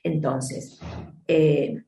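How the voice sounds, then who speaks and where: A woman's voice: low voice, fairly even intonation, very slow, warm tone, roomy sound. A woman with an Argentine accent hosting an advice program, explaining things in a reflective, teacherly way and often checking in with her listeners. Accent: Argentine Spanish. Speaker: host and teacher of a self-help method.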